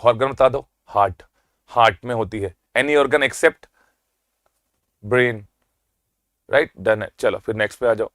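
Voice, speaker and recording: An energetic man with an Indian accent runs a quick-fire revision lecture at an even, mid-range pitch. He teases and quizzes his listeners, then drags key terms out slowly for emphasis. The sound is close and dry, with no room around it. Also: dry recording. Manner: quizzes the class and answers his own questions. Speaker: medical exam lecturer.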